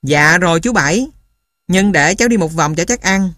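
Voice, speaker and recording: A man's voice: high-pitched, animated, moderate pace, bright, forceful tone, dry recording, studio quality. A man reading a story and voicing a young guerrilla lad. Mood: eager. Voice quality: hoarse, husky.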